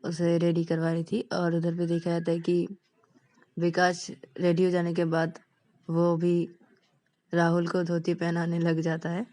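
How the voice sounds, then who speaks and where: A woman's voice: lowish voice, completely flat delivery, unhurried, dark tone. A woman narrating a story in a casual, plain retelling style with repetitive linking phrases.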